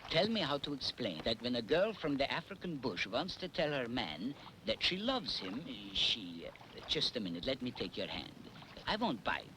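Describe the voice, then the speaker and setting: Brief: an easygoing expedition writer, lively mid voice, noisy old film dub. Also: male voice, mid-range voice, normal speed, few pauses. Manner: easygoing, explaining. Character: friendly, fussing male expedition writer. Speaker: expedition member. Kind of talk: dubbed film acting.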